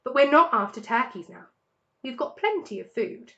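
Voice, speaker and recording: A woman's voice: high voice, big pitch swings, normal speed, a bit bright, highs cut off, full character voice. Woman playing a suave, confident storybook father fox. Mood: firm.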